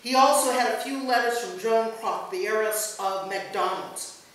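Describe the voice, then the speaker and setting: Her voice mid-range and her pace measured, a woman pastor reads a written memorial tribute during a church service. A distant mic captures a very echoey church with faint noise.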